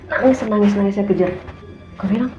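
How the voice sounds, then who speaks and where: A young woman tells a story in Jakarta slang at a quick clip. She is animated and acts out what people said. The recording is roomy and a little muffled. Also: medium pitch, faint music behind. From Indonesia. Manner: animated, acts out quotes in a raised voice. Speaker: guest. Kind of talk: casual storytelling. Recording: echoey room, dull sound, faint hum.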